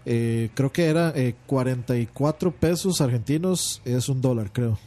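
Mellow-voiced Costa Rican man. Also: medium pitch, measured pace. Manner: storytelling, many hesitations. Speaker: podcast co-host. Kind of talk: casual chat.

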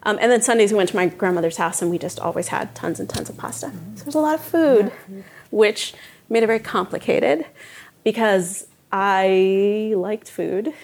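Speaking at a moderate pace in a darkish, medium-pitched voice, a middle-aged cookbook author from northern New Jersey chats candidly onstage in a casual conversation, with frequent laughter.

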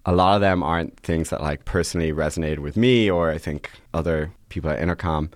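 Speaking a little fast with a rumbling low voice, a young Irish man in his 20s rambles through a casual podcast interview, dropping "like" constantly. He's a startup CEO, recorded dry in a clean studio.

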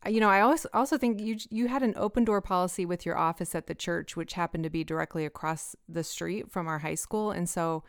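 A woman in her forties hosts a casual interview with a very smooth, resonant voice. She speaks warmly and gratefully to her guest. The recording is dry and close, with no room sound. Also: fairly low pitch, fairly quick, few pauses, no echo. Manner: warm, grateful, laughing often. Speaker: podcast host.

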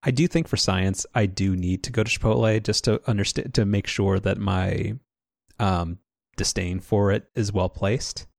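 A man's voice: fairly low pitch, steady tone, moderate pace, vocal fry, dry recording. A man co-hosting a podcast, rambling casually with restarts and dry sarcasm. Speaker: podcast co-host.

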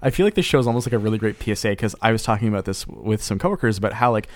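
A man's voice: fairly low pitch, racing, dry recording. A man co-hosting a casual chat, rambling with lots of fillers and restarts. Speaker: podcast co-host.

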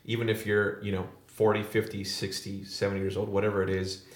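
Low-voiced reflective man in an echoey room. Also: flat delivery, a little fast. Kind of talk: casual, reflective discussion. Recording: roomy, echoey sound.

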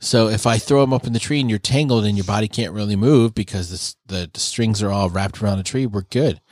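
A man's voice: on the low side, no room sound, clean studio sound. Laid-back man recapping an anime episode. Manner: relaxed, acts out characters' lines in quick impressions. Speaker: podcast co-host.

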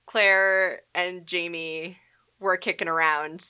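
A woman's voice: on the low side, steady tone, slow pace, bright, forceful tone, smooth. A young adult woman co-hosting a podcast, chatting casually with a dry, playfully exaggerated manner. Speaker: podcast co-host. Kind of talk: casual sarcastic chat.

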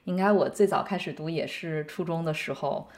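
A woman's voice: sits low, a little fast, darkish tone. A woman in her thirties, co-hosting a podcast, chatting about books in a thoughtful, reflective way. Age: 30s. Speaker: podcast co-host. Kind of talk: casual chat about books.

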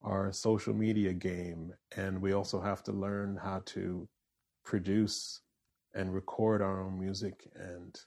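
A relaxed Canadian man in his forties with a fairly neutral accent and a lowish voice. He chats easily as an interview guest, often restarting a phrase before finishing his thought. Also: takes it slowly, gravelly. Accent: fairly neutral Canadian English. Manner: easygoing, restarts phrases while thinking. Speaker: musician and voiceover artist guest. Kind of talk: casual interview chat.

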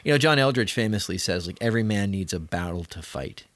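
A man's voice: on the low side, lively intonation, quick pace, fairly bright tone. A man co-hosting a podcast in casual chat, talking earnestly and emphatically in long run-on strings of points. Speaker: podcast co-host.

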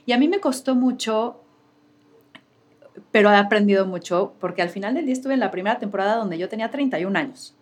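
A woman's voice: mid-range voice, animated, quick pace. A woman interviewing a guest, friendly, asking questions and affirming her answers. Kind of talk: casual interview chat.

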